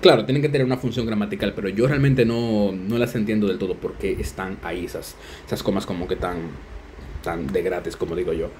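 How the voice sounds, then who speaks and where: A man casually hosting a language lesson, chatty and self-deprecating, slowly sounding out foreign words. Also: sits low, steady tone, darkish tone, a little hiss or hum. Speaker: language learner and video host.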